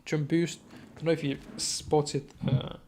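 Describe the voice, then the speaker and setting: Chatty male esports caster, rapid play-by-play. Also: a little high, noisy background. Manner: rapid, self-correcting, chatty asides, sudden excited outbursts. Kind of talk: live play-by-play commentary.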